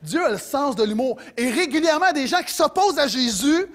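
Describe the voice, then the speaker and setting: Middle-aged québécois pastor giving a sermon, pretty high voice, animated, gets loud then drops soft. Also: male voice, brisk. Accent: Quebec French. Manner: animated storyteller, swings between loud emphasis and soft asides.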